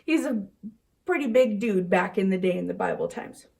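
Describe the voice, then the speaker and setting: A young woman teaching a children's church lesson, telling a Bible story in an animated, chatty way. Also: mid-range voice, normal speed, vocal fry.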